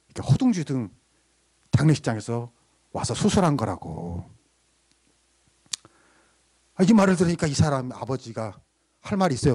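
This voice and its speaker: A man's voice: fairly high pitch, mellow, breathy edge. A middle-aged man preaching a sermon as pastor, asking the congregation questions and acting out the people in his stories. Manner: acts out quoted voices while telling a story.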